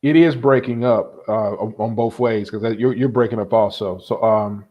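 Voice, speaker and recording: A man in his forties, a guest talking in a halting way with restarts, heard over a call connection that keeps breaking up. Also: on the low side. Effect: call connection breaking up and dropping out. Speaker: interview guest. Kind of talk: casual interview over a call. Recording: dull lo-fi call audio.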